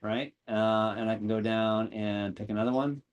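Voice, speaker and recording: A man hosting an online meetup, talking through a live software demo, rambling and correcting himself as he goes. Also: on the low side, fairly even intonation, moderate pace, smooth, muffled recording. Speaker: meetup host.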